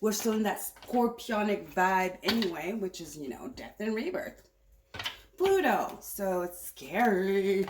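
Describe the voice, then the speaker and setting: A woman talks through a tarot reading in a loose, chatty way, wandering between thoughts as she goes. Her voice sits at a medium pitch, and the recording has a noticeable roomy echo. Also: very animated, unhurried, background noise. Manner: rambling, chatty, thinking aloud. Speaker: tarot reader. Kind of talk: casual spiritual reading.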